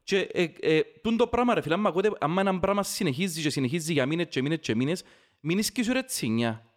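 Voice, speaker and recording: A man's voice: a little high, expressive. A man with a Cypriot Greek accent talking football casually, opinionated and emphatic, repeating phrases to drive his point home. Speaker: football fan podcast host. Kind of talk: casual heated football discussion.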